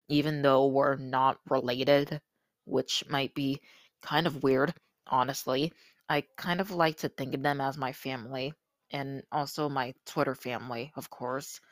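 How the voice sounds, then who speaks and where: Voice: medium pitch, dry recording. Crusty-voiced teenage podcaster on an earbud mic. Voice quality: slightly crusty voice. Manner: somewhat monotone. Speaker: podcast host. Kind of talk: casual solo podcast talk. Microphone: earbuds used as a microphone. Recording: earbud microphone used for recording.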